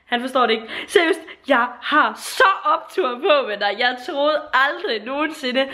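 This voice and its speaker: A bubbly teenage woman from Jutland talks straight into a handheld camera at home. Her voice sits fairly high, and she gushes and tumbles through her thoughts with casual swearing and fillers. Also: lively intonation, sharp tone, roomy sound. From Jutland, Denmark. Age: late teens. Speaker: YouTuber. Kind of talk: casual vlog talk.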